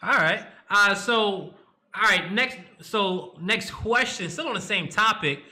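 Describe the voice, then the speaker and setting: A man's voice: sits high, expressive, slow, sharp tone. A man hosting a casual interview, easygoing and asking follow-up questions. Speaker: show host.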